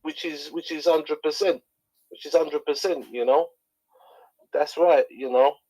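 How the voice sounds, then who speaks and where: A man's voice: a little high, steady tone, a little slow, dark tone, poor audio. A man debating casually on a talk show, circling his points hesitantly and checking for agreement.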